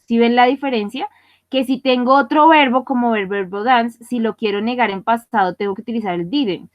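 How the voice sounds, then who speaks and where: A woman teacher with a fairly high voice runs an online English class, explaining grammar step by step and pausing often to check that her students follow. The audio is a little muffled and dull, with a dry close sound and no room around it. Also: dry recording. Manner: patient, checks understanding often. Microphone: computer mic for online class.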